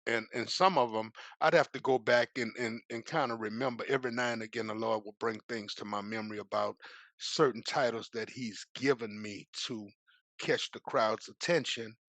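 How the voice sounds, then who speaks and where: A middle-aged man, a preacher appearing as a guest, telling a personal story with lively energy and moving into a preaching cadence. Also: mid-range voice, moderate pace, no echo. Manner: lively, acts out the voices in his stories.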